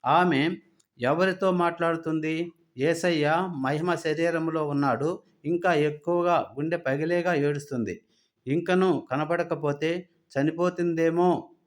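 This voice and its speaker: A man preaching a sermon, earnestly reciting scripture references in quick runs. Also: a little high, steady tone.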